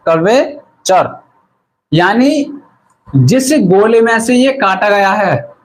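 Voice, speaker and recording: In a roughly recorded online stream, a man with a fairly high voice teaches physics, quizzing his viewers with a question before supplying the answer. He then says the key term again so they can write it down.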